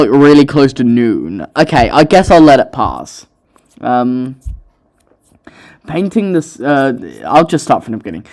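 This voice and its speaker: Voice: mid-range voice, darkish tone. A young author narrating their own story, breaking off for casual, self-mocking, sweary commentary.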